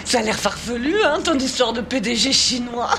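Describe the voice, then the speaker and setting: An actress playing the inspector's playful, tipsy wife in a radio drama, giggling and teasing. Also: female voice, fairly high pitch, lively intonation, moderate pace, a bit bright, slight background noise. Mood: teasing scolding.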